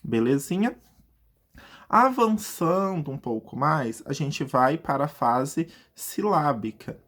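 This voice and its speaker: Brazilian male teacher for an online lesson, slightly husky and breathy, chatty, asks himself questions and answers them, drags out words syllable by syllable. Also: on the high side, animated, slow pace, a bit bright. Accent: Brazilian Portuguese. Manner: stretches out words syllable by syllable to demonstrate.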